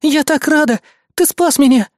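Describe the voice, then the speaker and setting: A man voicing an excitable, indignant young woman in a high, shrill voice for a storybook reading. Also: moderate pace, no room sound, studio quality. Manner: shrill, emotional.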